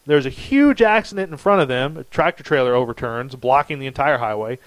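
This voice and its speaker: Middle-aged man, rambling storyteller, casual podcast talk, dry close mic, mid pitch. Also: brisk, no room sound, poor audio. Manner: rambling, animated storyteller with many restarts. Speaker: podcast co-host.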